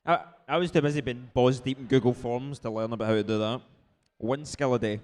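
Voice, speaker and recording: Informal male quiz host, medium-pitched. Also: steady tone, brisk, a little mellow. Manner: informal explaining with frequent check-in tags. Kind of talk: casual live pub quiz hosting.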